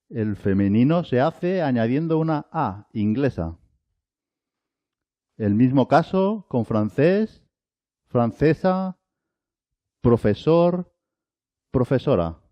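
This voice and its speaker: Slow, lively-pitched male Spanish teacher. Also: no echo. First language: Arabic. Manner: drills single words with long pauses between. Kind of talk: slow, deliberate language lesson. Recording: dull, lo-fi dry recording.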